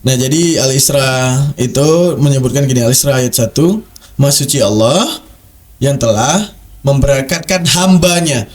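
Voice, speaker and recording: A man's voice: medium pitch, moderate pace. A man giving emphatic religious commentary on a video, repeating words for stress and mocking his opponents.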